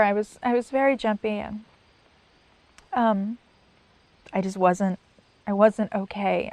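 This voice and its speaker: Dry-sounding woman giving halting personal testimony. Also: fairly high pitch, darkish tone, dry recording. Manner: halting, emotional, with pauses and restarts. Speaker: interviewee telling her story.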